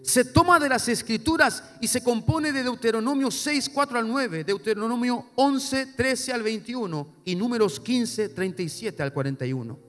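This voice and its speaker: Emphatic pastor with a lilt. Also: male voice, normal speed, hardly any pauses. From Paraguay. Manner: swings between soft low asides and loud emphatic repetition. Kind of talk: sermon. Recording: long hall reverb with faint music.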